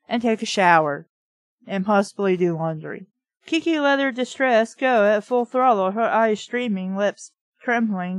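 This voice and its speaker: A woman with a fairly high voice, recorded without echo, reads a book aloud. She keeps interrupting with blunt, sarcastic, profane remarks, mocking the text and arguing back at it.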